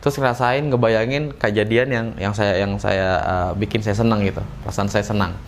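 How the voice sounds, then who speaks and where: A man gives a relaxed, chatty acting lesson and acts out short emotional examples as he goes. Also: fairly low pitch, a little fast, slight background noise. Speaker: acting teacher. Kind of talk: casual classroom-style lesson.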